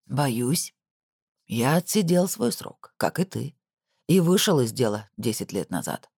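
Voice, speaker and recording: A man's voice: mid-range voice, big pitch swings, a little slow, vocal fry, darkish tone, breathy edge, dry recording, clean studio sound, exaggerated voice. A man voicing a smug, wealthy middle-aged former crook who mocks and dismisses the people he talks to. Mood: dismissive.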